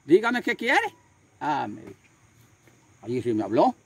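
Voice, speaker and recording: Older guy preaching, husky, pitch jumps all over, crickets chirping behind. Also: big pitch swings, unhurried, a bit bright, no room sound. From Honduras. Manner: fervent, repeats phrases, acts out voices in his story. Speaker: street preacher. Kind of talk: storytelling interview.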